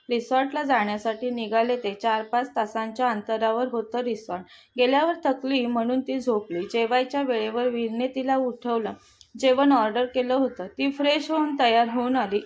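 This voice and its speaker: A woman narrating a short story in a steady, even way. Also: on the high side, normal speed.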